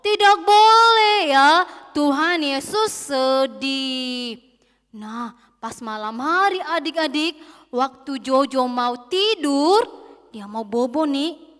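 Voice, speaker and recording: A woman Sunday school teacher telling an animated story, speaking straight to the children. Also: high voice, takes it slowly, in a large hall. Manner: animated, addressing children directly.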